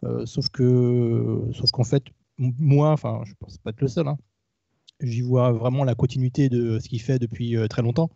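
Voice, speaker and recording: A man with a dark, mellow voice talks through a point at length, pausing often to find words. The sound is dry and slightly muffled, like a call picked up on a computer. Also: mid-range voice, steady tone, gravelly, dry recording. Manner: rambling, hesitant. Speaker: film critic guest. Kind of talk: casual film podcast chat.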